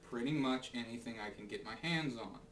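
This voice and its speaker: A man hosting a casual game review, speaking with a box over his head in halting short phrases with asides. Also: medium pitch, a bit bright, reverberant, far from the mic, slight background noise, poor audio. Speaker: game reviewer and host of the show. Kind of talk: casual scripted-style game review to camera and over gameplay.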